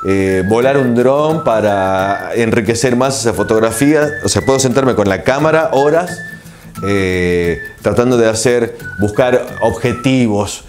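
Argentine man in his forties, mid-pitched, relaxed interview guest, music playing underneath. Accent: Argentine Spanish. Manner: relaxed, reflective, many filler pauses. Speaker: TV host and producer, interview guest. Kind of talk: casual interview answers. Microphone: lapel mic.

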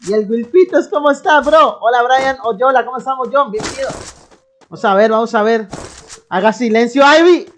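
A woman's voice: on the high side, normal speed, slight background noise. A young woman from Colombia, live-streaming a game and hyping up her chat in slangy banter. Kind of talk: live gameplay commentary.

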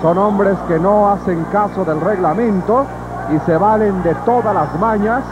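A man's voice: sits high, unhurried. A man with a Mexican accent calling live wrestling play-by-play as a commentator. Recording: dull lo-fi old TV broadcast, noisy arena. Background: loud arena ambience.

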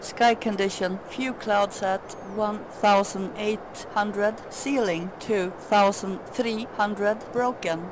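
Slow automated airport weather broadcast, woman. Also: mid-range voice, noisy background. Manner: steady, even reading of coded weather figures. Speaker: recorded weather information announcer.

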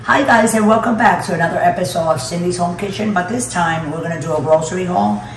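A woman's voice: lowish voice, quick pace, recorded from a distance. Middle-aged woman, casual vlog host, chatty and rambling, echoey home room with background noise. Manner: chatty, rambling, listing prices with fillers. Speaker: cooking channel host. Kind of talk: casual grocery haul vlog. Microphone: phone camera held by someone else.

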